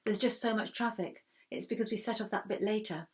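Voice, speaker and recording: A woman voicing a patient mother who talks gently and soothingly. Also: a little high, very animated, fast, voice pushed up.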